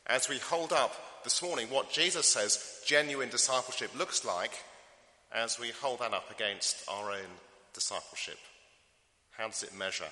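An English man preaching and praying with a croaky, hoarse voice, earnest and given to rhetorical questions. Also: mid-range voice, sharp tone. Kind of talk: sermon and public prayer. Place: large church hall. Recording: reverberant hall.

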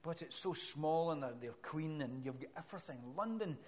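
Middle-aged Glaswegian preacher, slightly higher male voice, conversational sermon with wry asides. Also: expressive, a little fast. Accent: Glaswegian Scottish. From Scotland. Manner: conversational, self-deprecating asides between scripture readings.

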